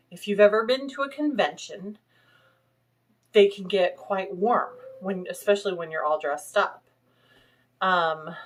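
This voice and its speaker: A woman hosting a casual vlog from her home sewing room, chatting in a rambling way and showing things to the camera. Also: fairly low pitch. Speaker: vlog host. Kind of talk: casual chat.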